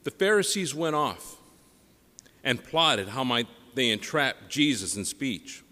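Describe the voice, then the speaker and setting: A priest reading the gospel and preaching a homily in deliberate, measured phrases, his voice carrying a long cathedral echo. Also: medium pitch, sing-song, sharp tone. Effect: cathedral echo, long church reverb. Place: large parish church. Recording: long reverb of a large church.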